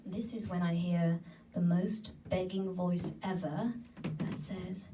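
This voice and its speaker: A young French woman with a French accent does a giggly, self-deprecating stand-up set on a comedy club stage, chatty and storytelling with frequent giggles. Her voice is fairly low, fairly even and a little slow, recorded from a distance in the club with music and a live audience laughing in the background.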